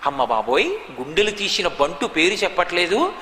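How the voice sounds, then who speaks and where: A man voicing a mischievous young cowherd woman with animated storytelling in an echoey hall. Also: sits high, moderate pace, slight background noise, voice pushed down, full character voice. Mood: teasing. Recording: echoey hall, long reverb.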